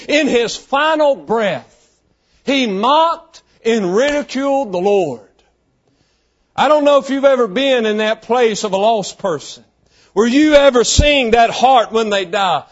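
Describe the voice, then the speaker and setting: A man preaches a sermon in a strikingly high voice, hammering his points with repeated phrases. The recording is dull and lo-fi, with the highs rolled off. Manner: emphatic, repetitive preaching cadence.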